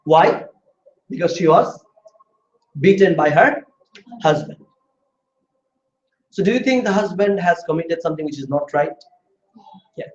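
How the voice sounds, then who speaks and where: A man's voice: a little high, measured pace, pauses often. A man teaching a law class in a classroom, explaining step by step and questioning his students. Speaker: law tutor. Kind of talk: classroom lecture. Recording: roomy, dull lo-fi classroom audio.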